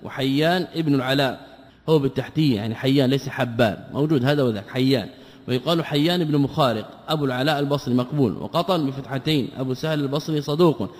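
A man's voice: mid-range voice, a little mellow. A man teaching a classical Islamic text, explaining each term and often asking rhetorical questions that he answers himself. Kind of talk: classical Arabic lecture. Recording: long hall reverb.

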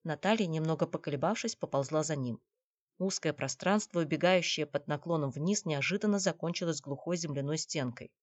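A woman narrating a historical romance audiobook in a calm, measured storytelling manner. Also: deep voice, dry recording. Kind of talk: scripted narration.

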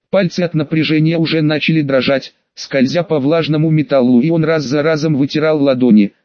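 A man reading an audiobook in a steady, dramatic narration style. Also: a little high, no room sound. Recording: dull, muffled studio voice recording.

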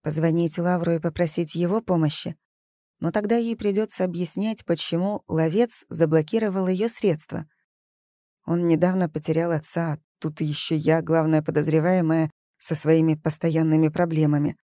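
A woman narrating a novel in an even, measured storytelling manner. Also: deep voice, no echo. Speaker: audiobook narrator.

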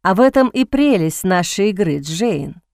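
A woman voicing a cold, cynical aristocratic man in an audiobook, speaking low in a husky, mocking whisper. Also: animated, normal speed, darkish tone, no echo, studio quality.

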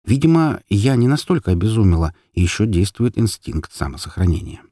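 A man narrating an audiobook story in an expressive, dramatic way. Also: lowish voice, a little fast, no echo, clean studio sound.

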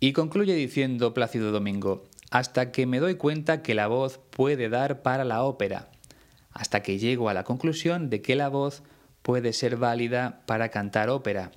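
A man from Spain teaching Spanish, explaining words slowly and carefully and spelling them out letter by letter. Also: mid-range voice. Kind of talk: slow explanatory lesson.

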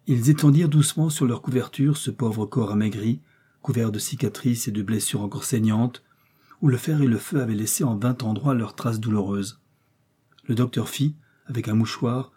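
A man narrating a classic adventure novel in a measured, dramatic storytelling voice. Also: lowish voice, mellow, husky. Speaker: audiobook narrator. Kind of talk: scripted narration.

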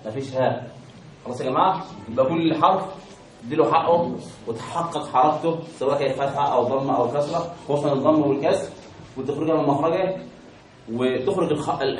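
A man with an Egyptian Arabic accent teaches Quran recitation in a fairly high, fast voice, constantly asking questions so the class answers in call and response. He is recorded from a distance in an echoey room, with slight background noise.

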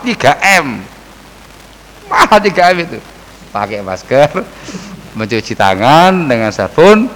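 A man, a religious teacher answering questions in a casual study session, lively and acting out the people he quotes. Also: mid-range voice, long reverb tail, a little hiss or hum, poor audio. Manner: lively, mixes Javanese phrases, acts out quoted people.

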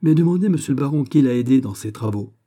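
A man voicing a bold, witty musketeer captain in an audiobook reading, speaking in an animated, emphatic way. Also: mid-range voice, fast, voice pushed up, lightly acted. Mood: eager.

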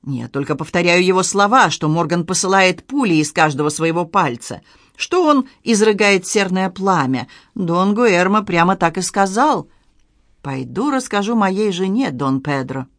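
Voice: medium pitch, animated, moderate pace, fairly bright tone, no room sound, studio quality. An audiobook reader voicing a self-important male townsman who repeats rumors insistently.

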